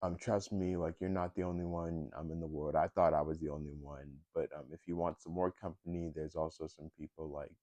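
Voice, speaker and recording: A young man speaks in a casual vlog, halting and searching for words, with many fillers and restarts. His voice sits very low and sounds dark and mellow. The recording is dry and close, with no room sound. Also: flat delivery, dry recording. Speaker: vlogger.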